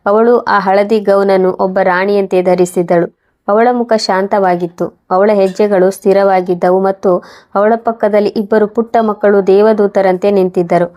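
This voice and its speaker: A woman reading a scripted moral story in an even, measured way. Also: mid-range voice. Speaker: narrator.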